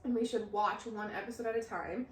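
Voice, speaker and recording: A woman in her late twenties chats and teases on a casual podcast, and she giggles easily. Her voice sits at an everyday middle pitch. The room sounds echoey, and there is a faint background hiss. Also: a little fast. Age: late 20s. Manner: chatty, giggly, teasing. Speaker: podcast co-host. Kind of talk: casual chat.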